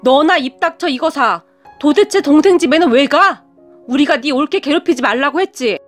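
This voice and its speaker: A woman's voice: on the high side, normal speed, faint music behind, close to an everyday voice. Woman doing a blunt older mother-in-law. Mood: scolding. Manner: blunt, scolding. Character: blunt older mother-in-law, sharp-tongued but fair.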